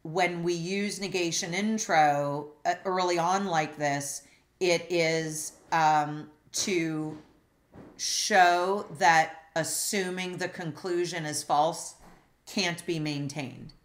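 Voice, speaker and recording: Woman instructor, low voice, very slow, leads a logic class over a video call with questions and restarts. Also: fairly even intonation. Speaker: philosophy instructor. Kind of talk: online class lecture.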